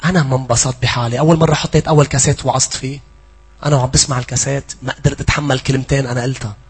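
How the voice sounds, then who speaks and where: A man with a Lebanese accent preaching a sermon, swinging between loud pleading and hushed asides. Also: mid-range voice, steady tone, racing, breathy edge. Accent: Lebanese Arabic.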